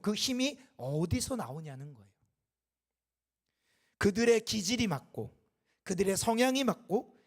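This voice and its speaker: A man preaching a Sunday sermon as a pastor, building to impassioned loud peaks and falling back to quiet, and acting out the dialogue in his stories. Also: sits high. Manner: acts out quoted dialogue in the telling. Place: church sanctuary.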